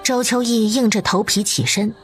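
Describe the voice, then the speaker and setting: A woman narrating an animated drama in an expressive, story-reading way. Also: fairly high pitch, normal speed, soft background music.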